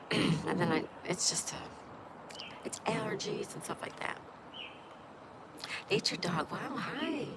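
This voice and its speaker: Slow and expressive, with frequent pauses, a medium-pitched woman with a stuffy nose runs a casual livestream. She greets viewers by name and reads out their chat while loud background noise fills the recording.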